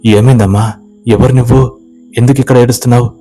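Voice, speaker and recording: A man's voice: mid-range voice, steady tone, fast, warm tone, soft background music, lightly acted. A man voicing a worried young village man who keeps coaxing a stranger with urgent questions. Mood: pleading.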